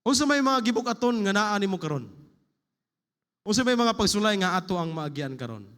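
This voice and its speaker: Male pastor preaching in a church. Slightly high voice, long hall reverb, scripture read in English between Cebuano preaching. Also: very animated, fairly quick, a bit bright. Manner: rising emphatic delivery on lists. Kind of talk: sermon. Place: church sanctuary.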